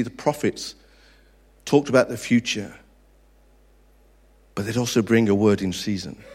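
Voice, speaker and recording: A man, preaching a sermon earnestly, stretching out the key words. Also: fairly low pitch. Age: 30s. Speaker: pastor.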